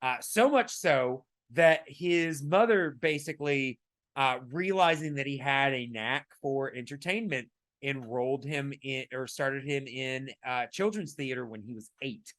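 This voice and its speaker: A man co-hosting a podcast in casual chat, his voice raspy, talking emphatically with many fillers and restarts. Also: medium pitch, measured pace, fairly bright tone. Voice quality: raspy today. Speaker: podcast co-host.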